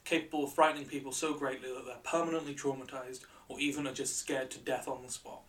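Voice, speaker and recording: A man hosting a show as a bright, curious, joking presenter, telling stories in a light-hearted, conversational way. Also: mid-range voice, little pitch movement, fast, distant mic. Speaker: podcast and radio show host.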